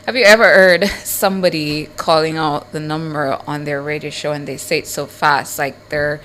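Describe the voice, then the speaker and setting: A woman, co-hosting a morning radio show in casual, animated chat. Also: low-pitched, moderate pace, slight background noise. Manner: chatty, animated, teasing.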